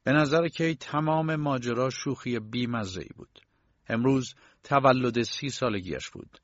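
Male audiobook narrator, measured. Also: mid-range voice, no room sound. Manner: measured storytelling delivery. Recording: dull lo-fi dry recording.

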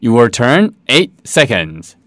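Animated man teaching English in Korean. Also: very slow, dry recording, studio quality. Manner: animated, acts out story lines in a high voice. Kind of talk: bilingual English lesson.

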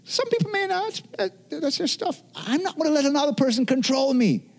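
A man's voice: extremely high pitch, big pitch swings, fairly quick. A middle-aged man preaching a sermon as pastor, earnest, often restarting and repeating words.

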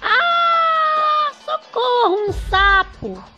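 A woman's voice: high voice, animated, unhurried, dull audio, loud music behind the voice. A woman voicing a frightened little girl who screams in panic. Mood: terrified shrieks. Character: scared little girl, shrieking at a frog.

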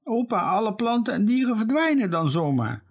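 A man voicing a young, tender-hearted boy in a read-aloud storybook, pitching his voice up and speaking breathily. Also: sing-song, moderate pace, gravelly, breathy edge, heavily acted. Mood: upset.

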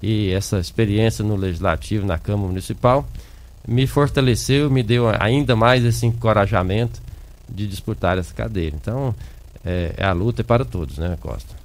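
A male local politician speaks in a radio interview. His voice is fairly low, and he often checks in with short tag questions. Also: moderate pace. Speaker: politician, city council president being interviewed. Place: radio studio.

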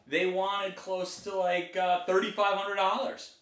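Middle-aged male podcast co-host, raised pitch, rambling animated storyteller, roomy echo. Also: measured pace. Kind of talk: casual comedic chat.

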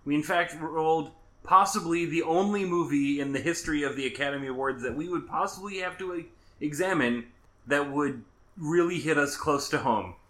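Man, podcast host, from minnesota, bright tone, chatty, quick asides. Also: on the high side. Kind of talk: casual podcast chat.

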